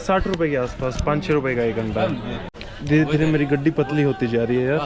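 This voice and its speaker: A man's voice: mid-range voice, a little fast. A man from Rajasthan vlogging casually as he walks a busy night market, chatty and joking, asking locals for words. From India, Rajasthan. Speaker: travel vlogger. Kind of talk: casual travel vlog narration. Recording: crowd noise from busy market.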